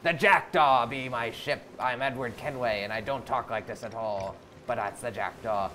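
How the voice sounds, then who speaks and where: A man putting on a gruff male pirate captain voice with a hammy drawl while reading viewer comments on a game stream. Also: mid-range voice, normal speed, bright, forceful tone, a little hiss or hum, natural voice. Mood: swaggering.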